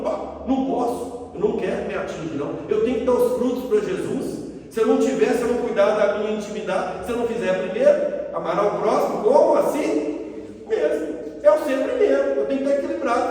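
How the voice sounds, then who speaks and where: A man's voice: very high voice, a little mellow. A man with a Minas Gerais accent giving an informal spiritist sermon, telling stories and asking the audience for agreement. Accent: Brazilian Portuguese, Minas Gerais. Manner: chatty, asks the audience for agreement. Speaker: spiritist gospel speaker. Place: spiritist centre meeting hall. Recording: echoey hall, speaker far from mic.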